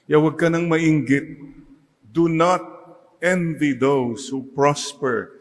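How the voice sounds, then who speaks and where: Slow-talking Filipino priest preaching. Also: male voice, on the high side, poor audio. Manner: mixes Tagalog and English, leads the congregation in call-and-response. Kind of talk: sermon. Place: church.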